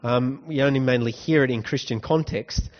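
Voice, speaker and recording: A man's voice: medium pitch, moderate pace. A male pastor giving a conversational sermon, often asking the congregation questions. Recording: dull recording with long hall reverb.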